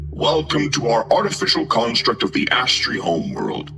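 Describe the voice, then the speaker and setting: A man's voice: mid-range voice, wildly swooping pitch, normal speed, creaky. Man voicing a cold mechanical alien drone guide. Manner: formal, detached, sneering. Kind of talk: horror audio story. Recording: music playing behind.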